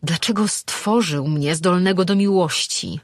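A narrator voicing an anguished young man in a fantasy audiobook. He pleads and accuses by turns, his voice slightly husky and close, with no room around it. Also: medium pitch, moderate pace, dry recording, natural voice. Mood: desperate. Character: desperate young man who is a created being. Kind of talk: audiobook reading.

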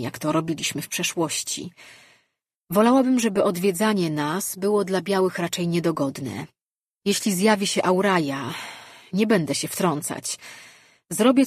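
An earnest woman leader weighing a dangerous secret, as a woman reads her, with a low, slightly husky tone close on a dry mic. She speaks in a measured, concerned way. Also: no echo. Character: worried, thoughtful woman leader.

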